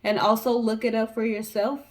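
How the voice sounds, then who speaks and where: A true crime storytelling co-host from America talks fairly quickly and flatly in a slightly mellow voice that's on the high side. Her style is conversational and colloquial, aimed straight at the audience.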